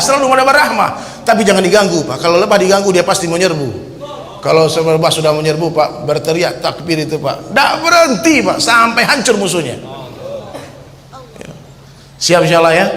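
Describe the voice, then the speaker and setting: A man preaching a fiery sermon to a large gathering, swinging between calm talk and shouting, and often turning to his listeners as "sir". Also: sits high. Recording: echoey hall with faint background noise.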